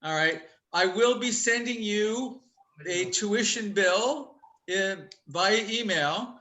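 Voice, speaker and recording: Speaking rapidly in a high, bright and strained-sounding voice, this man teaches a relaxed college course online via video call. He keeps things upbeat and chatty, ribbing his students with jokes, though the audio is of poor quality.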